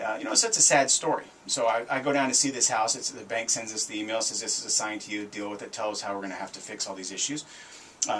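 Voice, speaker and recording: This is a middle-aged American radio host spinning stories in a casual, conversational, emphatic manner. He has a fairly low, slightly bright voice, captured on a boom-arm studio mic in a small foam-treated indoor studio. The recording is rough, with slight background noise.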